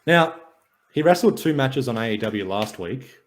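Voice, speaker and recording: A man's voice: medium pitch, expressive, normal speed, heavy background noise. A man, co-hosting a casual podcast, running through stats and match notes with a dry, jokey delivery. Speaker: podcast co-host. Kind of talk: casual sports and wrestling chat.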